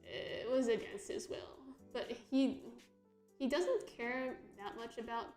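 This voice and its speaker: Sketching at home during a livestream, this webcomic artist answers chat questions in a relaxed way, often laughing self-deprecatingly. She's a young woman with a fairly high, slightly mellow voice who takes her time. Music plays in the background of an echoey room.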